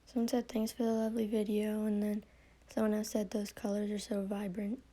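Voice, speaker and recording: A woman reading viewer comments aloud for a live painting stream in a steady, flat way. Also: mid-range voice, brisk.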